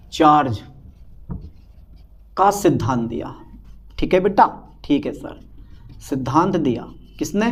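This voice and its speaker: A man's voice: sits high, a little mellow. A male chemistry teacher, lecturing a class with lots of repetition and questions to his students. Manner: repetitive, calls students beta, answers himself as student.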